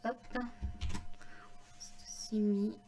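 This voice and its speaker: A woman's voice: mid-range voice, flat delivery, very slow, dark tone, slight background noise. A woman talking through her modding work on a game in casual commentary, muttering to herself as she types and making chatty asides to viewers. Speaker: game modder.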